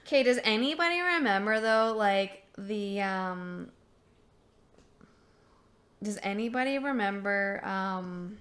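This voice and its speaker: A young woman from Canada co-hosting a podcast, reminiscing excitably and laughing in casual chat. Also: medium pitch, slow pace, long pauses. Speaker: podcast co-host.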